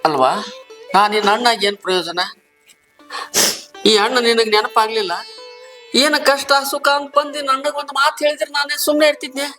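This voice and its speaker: A man's voice: very high voice, fairly even intonation, fairly quick, long pauses, bright, forceful tone, faint music behind. A man with a North Karnataka Kannada accent plays a caring older brother who works as a poor laborer. He speaks in an earnest, pleading way, asking the same questions again and again. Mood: anxious. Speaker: actor in a short film. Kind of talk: village family drama acting.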